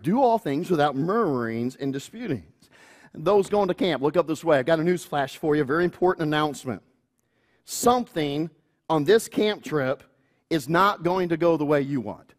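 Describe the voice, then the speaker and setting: A male youth pastor preaching a sermon in a church, animated and chuckling often. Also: on the high side.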